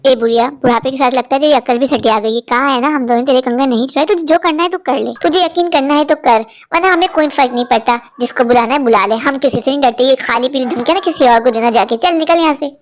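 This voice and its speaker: A woman's voice: high voice, fast talker, few pauses, a little hiss or hum, close to an everyday voice. Woman voicing a rude, taunting daughter-in-law. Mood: defiant. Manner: insolent, taunting. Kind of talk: Hindi cartoon voice acting.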